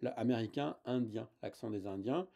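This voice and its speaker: A man's voice: medium pitch, normal speed, gravelly, dark tone, a little hiss or hum. A man hosting a casual tech tutorial, talking hesitantly with many fillers and restarts.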